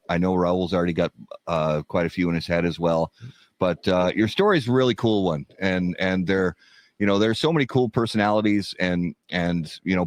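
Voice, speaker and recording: A man's voice: deep voice, no room sound. A man hosting a podcast, upbeat and rambling with many fillers as he welcomes a guest. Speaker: podcast host.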